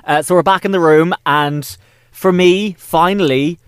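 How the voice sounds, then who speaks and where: A man's voice: sits high, unhurried, clean tone, no echo. Playful man podcast co-host. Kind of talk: casual chat.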